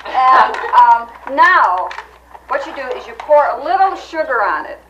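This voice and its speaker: A woman hosting a comedy cooking segment, explaining absurd claims in an earnest, deadpan way. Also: high-pitched, measured pace, muffled recording, slight background noise. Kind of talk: deadpan mock cooking demonstration.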